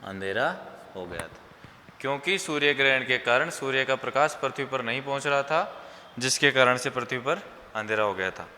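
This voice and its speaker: A man's voice: mid-range voice, pushed and bright. Hindi-speaking male teacher dictating answers. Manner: explains slowly, repeats answers for dictation. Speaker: school teacher. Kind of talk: online class lesson. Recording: echoey room with faint background hum.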